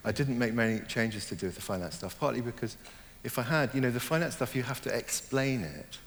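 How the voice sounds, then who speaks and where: With a long reverb tail behind his mid-range voice, a middle-aged German-born novelist who grew up in Hong Kong talks fairly quickly in a reflective interview, thinking out loud hesitantly with frequent fillers and restarts.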